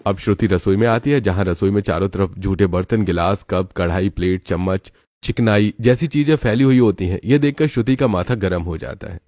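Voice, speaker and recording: A man's voice: low-pitched, a little fast, darkish tone, dry recording. A man giving scripted storytelling narration for a cartoon.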